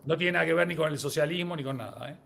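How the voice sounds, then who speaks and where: Man, live podcast co-host, energetic, slightly high pitch. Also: racing, vocal fry. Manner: energetic, greets viewers and runs a word game. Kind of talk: live-streamed podcast chat.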